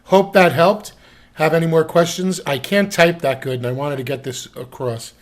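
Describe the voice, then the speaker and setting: A man's voice: a little high, normal speed. Rambling man telling vet anecdotes. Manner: rambling, chatty, a little crude. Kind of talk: casual storytelling to camera.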